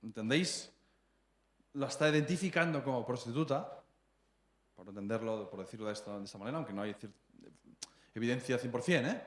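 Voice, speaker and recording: A man's voice: mid-range voice, animated, a little fast, long pauses. Echoey Spanish-accented male preacher. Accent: Spain. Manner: conversational, often checks in with the congregation; stumbles and repeats words while searching for phrasing. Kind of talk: sermon. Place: church hall. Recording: echoey church hall.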